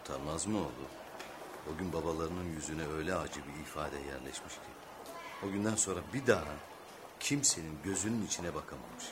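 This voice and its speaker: A man playing a quiet middle-aged father who tells his son a story, calm and a little halting, in a radio play. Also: very deep voice, background noise. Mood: storytelling.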